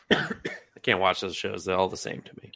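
A man's voice: low voice, gravelly, pushed and bright, a little hiss or hum. A man in his thirties hosting a podcast in casual chat, joking around and slipping into silly voices. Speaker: podcast host.

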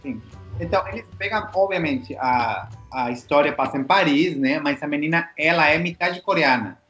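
Man in a casual chat, fairly high voice, explains things step by step, faint music. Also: moderate pace, pushed and bright, dull audio.

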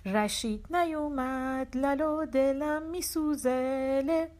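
Woman doing young soldier singing a slow sad folk tune, higher than her narration. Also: darkish tone, close to an everyday voice. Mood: mournful. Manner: sings slowly, drawn-out mournful phrases.

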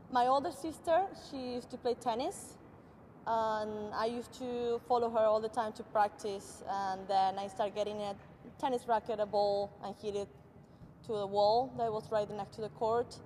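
A woman's voice: fairly high pitch, steady tone, moderate pace, a little mellow. A young woman from Argentina who speaks with an Argentine Spanish accent, answering interview questions as a tennis coach in simple phrasing with small grammar slips. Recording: long reverb, faint noise.

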